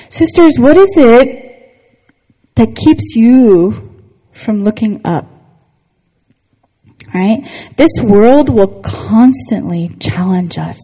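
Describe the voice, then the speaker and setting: A woman's voice: medium pitch, warm tone, long reverb tail, poor audio. A woman giving a devotional talk to women, earnest and personal, often asking "right?". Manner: earnest, personal storytelling, frequent "right?" asides. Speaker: women's Bible teacher.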